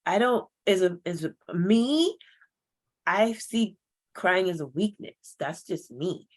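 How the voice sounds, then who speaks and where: A woman's voice: fairly low pitch, expressive, takes it slowly. Woman talking about her session, reflective, kinda emotional. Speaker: regression subject. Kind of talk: casual chat.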